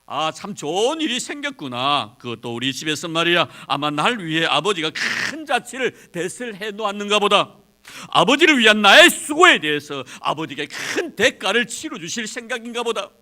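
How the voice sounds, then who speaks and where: A man voicing a resentful, dutiful elder son who protests in a raised, higher voice. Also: very animated, moderate pace, bright, forceful tone, full character voice. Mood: eager. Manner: pleading and indignant, raised voice.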